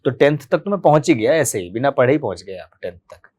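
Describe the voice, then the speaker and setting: Animated man telling his life story. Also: mid-range voice, fast. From Delhi, India. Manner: animated, vivid storytelling, acts out remembered dialogue. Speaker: podcast guest, martial arts practitioner. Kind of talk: candid storytelling interview.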